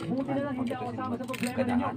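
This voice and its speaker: A man's voice: extremely high pitch, little pitch movement, very fast. Man talking with his mouth full. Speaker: mukbang vlogger. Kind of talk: casual chat while eating. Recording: loud music playing behind. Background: loud music.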